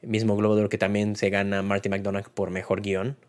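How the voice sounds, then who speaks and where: A Spanish-speaking man with a Mexican accent delivers an unscripted, colloquial film review like a host chatting with listeners, retelling scenes and acting out quotes. His lowish, darkish voice is monotone and fairly quick.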